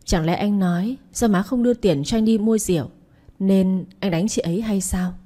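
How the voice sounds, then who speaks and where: A woman narrating a family drama story in a steady, measured way. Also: mid-range voice.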